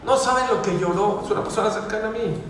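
A man with a Mexican accent giving a sermon to young people, telling stories animatedly and rising to loud exhortation. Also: high voice, quick pace, a little hiss or hum. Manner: animated storyteller who mimics the people in his stories; rises to loud, emphatic exhortation. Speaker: religious speaker addressing young people. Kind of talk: sermon with storytelling. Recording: echoey hall, voice from far off.

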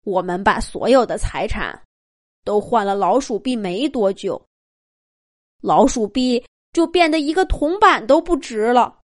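A woman's voice: a little high, lively intonation, unhurried, no echo, clean studio sound. A woman voicing a father mouse who talks himself into a risky plan in a children's story. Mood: choked up. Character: anxious, scheming father mouse.

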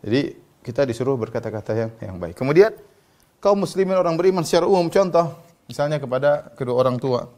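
A man's voice: mid-range voice, animated, darkish tone. Indonesian-speaking man preaching with chanted verses. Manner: drawn-out chanted Arabic verses, then plain explanation; loose speech with fillers and colloquial asides. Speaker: Islamic preacher. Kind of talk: sermon with Quranic recitation.

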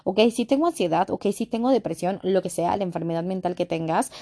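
A woman's voice: lowish voice, expressive, fairly quick, dark tone. A young woman with a Mexican accent talking candidly as a podcast host, blunt and slangy, with frequent restarts. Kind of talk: casual monologue.

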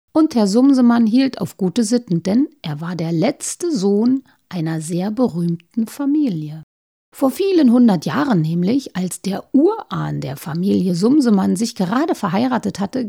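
Woman storyteller reading a children's tale, mellow and a bit gravelly, expressive, dips into whispers. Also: mid-range voice. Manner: expressive, sometimes dropping to a whisper.

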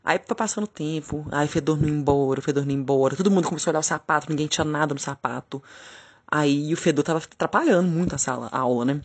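A woman, hosting a podcast and telling funny stories in a lively, laughing way. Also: very fast. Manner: animated, laughing, acts out quotes in high squeals. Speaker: podcast host. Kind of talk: casual storytelling.

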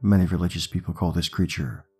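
A man speaking as a horror host, narrating scripted material in a theatrical, deliberate manner with macabre humour. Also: low-pitched, darkish tone, breathy edge, soft background music. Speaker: horror podcast host and storyteller.

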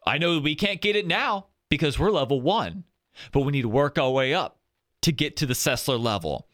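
A young man hosting a casual gaming podcast, chatting and running through plugs and shout-outs. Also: fairly high pitch, lively intonation, normal speed, no room sound, studio quality. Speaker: podcast host.

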